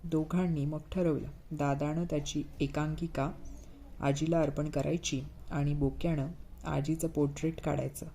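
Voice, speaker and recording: A woman's voice: sits low, steady tone, moderate pace, mellow, slight background noise. A woman reading a bedtime story aloud, voicing the characters with light expression.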